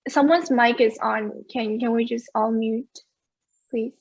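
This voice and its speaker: A woman giving an academic conference presentation over a video call, explaining results clearly. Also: a little high, fairly even intonation, measured pace, dry recording, dull audio. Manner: clear, explanatory, asks for next slide.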